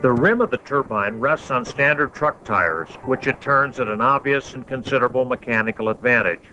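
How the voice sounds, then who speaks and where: A man reading scripted promotional narration for an infomercial in a measured, explanatory way. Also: mid-range voice, sharp tone. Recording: dull lo-fi, faint background noise.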